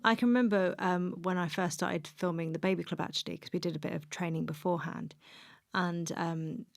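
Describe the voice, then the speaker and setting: A woman's voice: lowish voice, steady tone, a little fast, gravelly. A woman hosting a parenting show, chatting casually and sharing her own experience as a mother in informal, self-correcting phrases. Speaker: podcast host and mother. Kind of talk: casual conversational interviewing with personal anecdotes.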